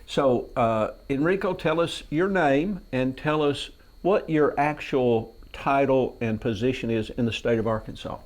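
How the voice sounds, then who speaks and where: On a TV talk show in a television studio, a male host with a mid-range voice questions guests in a casual interview. He speaks unhurriedly, in a folksy, joking way.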